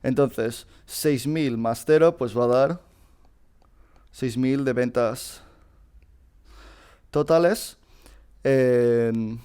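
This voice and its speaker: Man explaining exam step by step, smooth voice. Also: mid-range voice, drawn-out words, pauses often, mellow. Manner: informal, addresses students directly, frequent fillers and restarts. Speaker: teacher solving a past exam. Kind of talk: casual screen-recorded lesson.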